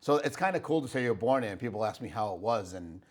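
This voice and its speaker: A man's voice: lowish voice, animated, quick pace, slight background noise. A man hosting a local community talk show, chatty and rambling, with frequent fillers and restarts. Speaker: host. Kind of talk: casual interview.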